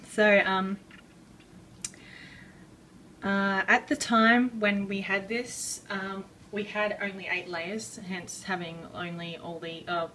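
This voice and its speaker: A woman giving a casual drawing tutorial, rambling and self-deprecating with many fillers, a bit out of breath and clearing her throat. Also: medium pitch, steady tone, slow, fairly bright tone, far from the mic, a little hiss or hum, low-quality recording. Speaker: art tutorial maker.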